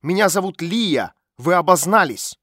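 A man voicing an angry, defiant teenage runaway girl who shouts back sharply in an audiobook. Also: high voice, expressive, normal speed, no room sound, studio quality, pitched above the performer's own voice. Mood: angry shouting. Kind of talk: audiobook character voice.

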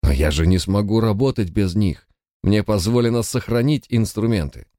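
A man's voice: lowish voice, moderate pace, mellow, dry recording, clean studio sound, voice pushed up, natural voice. A man voicing a desperate middle-aged male builder who pleads frantically, in an audiobook. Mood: frantic.

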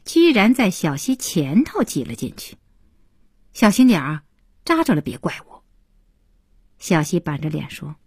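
Husky, expressive woman reading a novel. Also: lowish voice, no room sound, clean studio sound. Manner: expressive, dropping to whispers in tense passages. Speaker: audiobook narrator. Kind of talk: dramatic novel narration.

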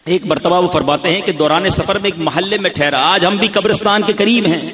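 A man from Pakistan delivering a fervent sermon with a high, carrying voice. He tells stories and acts out their dialogues for a large gathering. The recording is roomy and a little dull, like a broadcast. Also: a bit bright, slight background noise. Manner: fervent, addresses listeners as brothers, acts out dialogues. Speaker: preacher at a religious gathering. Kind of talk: emotional sermon with storytelling. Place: large gathering near a graveyard.

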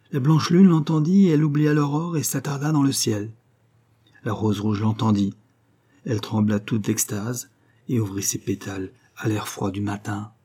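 Dark husky male storyteller. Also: on the low side. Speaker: narrator. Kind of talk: storybook reading.

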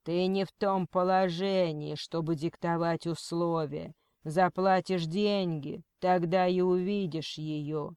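A woman voicing a cold male kidnapper who threatens slowly and quotes scripture. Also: lowish voice, steady tone, darkish tone, clear, resonant tone, dry recording, studio quality. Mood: menacing. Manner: slow, menacing, preachy.

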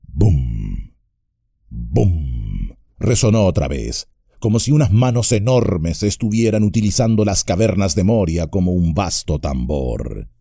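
A man reads an audiobook aloud in a low, mellow voice. His intonation rises and falls freely, lending drama to each scene. The recording is dry and close to the mic. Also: normal speed, vocal fry, no echo. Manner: expressive, dramatic reading. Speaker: audiobook narrator. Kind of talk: scripted narration.

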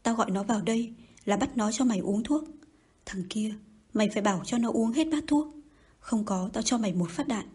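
A cruel older mandarin barking threats and insults, as a woman reads him in an audiobook. The voice is mellow and very breathy. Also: on the high side, a little fast. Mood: menacing. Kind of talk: audiobook reading.

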